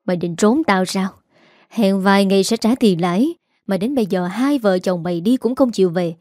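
A woman voicing an angry older female moneylender who scolds fast and rough. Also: mid-range voice, warm tone, no echo, clean studio sound, natural voice. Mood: scolding.

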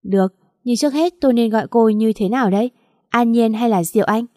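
A woman's voice: fairly high pitch, brisk, mellow, no echo, studio quality, lightly acted. A woman voicing a cold, mocking young businessman in a storybook reading.

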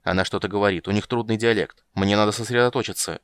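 A man voicing a weary, patient monster hunter who speaks calmly and dryly. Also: lowish voice, quick pace, smooth, dry recording.

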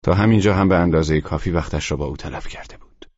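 A man narrating a novel in a measured, steady way, with a very low, husky voice. The sound is dry, close and a bit dull, like a lo-fi recording. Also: no room sound. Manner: measured, even storytelling. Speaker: audiobook narrator. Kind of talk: scripted literary narration. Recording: muffled lo-fi audio.

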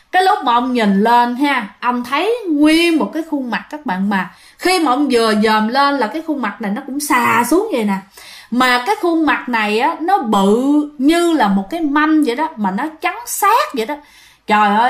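Woman, casual ghost storytelling, fairly high voice, chatty. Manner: chatty, addresses listeners directly, lively pitch swings.

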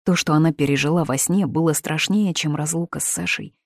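A woman narrating an audiobook in a steady, even reading. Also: deep voice, fairly quick, dry recording, clean studio sound. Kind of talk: scripted narration.

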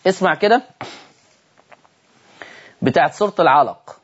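A man with an Egyptian accent teaching Quran recitation on a televised lesson, animated and often asking his listeners rhetorical questions. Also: a little high, moderate pace, highs cut off. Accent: Egyptian Arabic.

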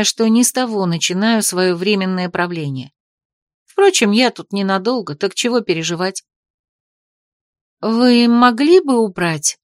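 Lady reading a fantasy novel first person, kinda wry and expressive, dry close sound. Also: mid-range voice, no room sound. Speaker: audiobook narrator.

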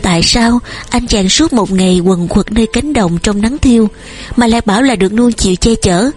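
A woman's voice: on the high side, normal speed, darkish tone, breathy edge, soft background music. A woman narrating a novel in the first person as an audiobook reader. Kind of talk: scripted narration.

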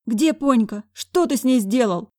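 A woman's voice: expressive, measured pace, a little mellow. A woman putting on a panicked, pleading woman. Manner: pleading, high and agitated. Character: panicked, tearful middle-aged woman.

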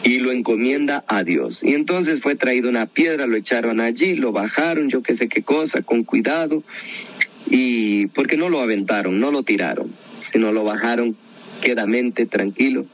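A man leads a Bible study in a conversational, animated teaching style, frequently posing rhetorical questions. His voice is medium-pitched at a moderate pace, and the audio sounds dull with slight hiss or hum.

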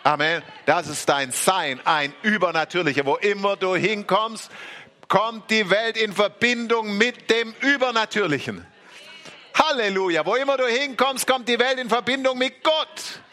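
A man's voice: sits high, moderate pace, pushed and bright. A man preaching a charismatic sermon, fervent and repetitive, with exclamations and speaking in tongues. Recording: faint music behind.

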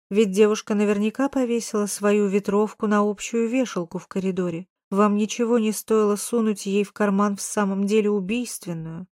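A woman reading a first-person audiobook, firm, measured and precise in her delivery. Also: mid-range voice, a little mellow, dry recording, studio quality. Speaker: audiobook narrator.

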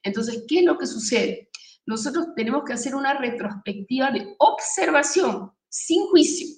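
A woman's voice: sits high, lively intonation, normal speed, a little mellow. Emphatic woman giving a spiritual talk. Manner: emphatic, preaching, with rhetorical questions. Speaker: spiritual speaker. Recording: echoey room, voice from far off the mic.

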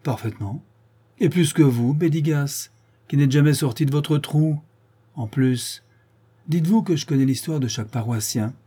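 A man's voice: fairly high pitch, normal speed, warm tone, husky, voice pushed up. A man voicing a blunt, shrewd male village priest in a read-aloud story, scolding and lecturing.

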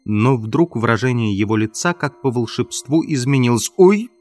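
A man narrating a novel as an audiobook in a measured, expressive storytelling manner. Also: mid-range voice, faint music behind. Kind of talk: scripted literary narration.

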